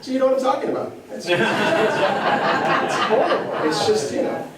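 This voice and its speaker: Here the Egyptian comedian sounds high-pitched and expressive, talking at a normal speed as he performs stand-up in a club. His style stays conversational and self-mocking, with frequent questions to the crowd, captured distantly in an echoey space amid laughter.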